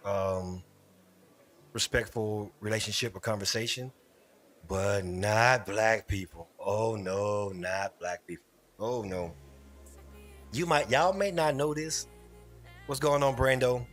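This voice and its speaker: A man's voice: on the low side, a bit bright. A man hosting a casual livestream, rambling as he talks straight to viewers in the chat. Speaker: livestream host. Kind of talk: casual live-stream commentary.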